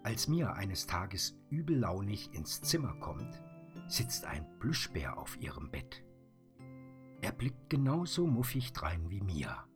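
A man reading a children's story aloud in a soft, often whispered narration. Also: low voice, big pitch swings, slow, over music.

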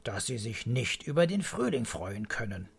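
A man's voice: medium pitch, very animated, moderate pace, vocal fry, slightly rough, full character voice. A man voicing a sleepy, teasing old grandfather in a storybook reading, mumbling and drowsy.

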